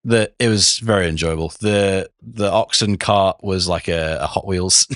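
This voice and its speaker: A man with a sore throat and a rough, hoarse voice, rambling casually as a podcast co-host. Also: low voice, a little slow, a bit bright, no room sound, clean studio sound. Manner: rambling, with frequent restarts and "like". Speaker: podcast co-host, game master. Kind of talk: casual chat.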